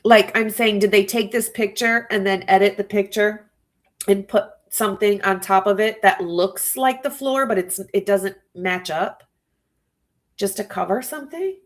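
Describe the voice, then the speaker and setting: A woman with a medium-pitched voice speaks at normal speed while hosting a true crime livestream. Her nose is stuffy as she muses aloud to her viewers in casual commentary.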